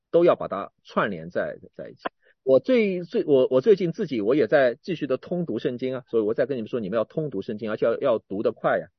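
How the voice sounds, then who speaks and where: A man preaches a sermon with a husky voice and a lively, swooping pitch. He keeps restarting and repeating words, rising to emphatic bursts and dropping to quiet asides. The recording is dull and dry, with no room sound. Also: no room sound.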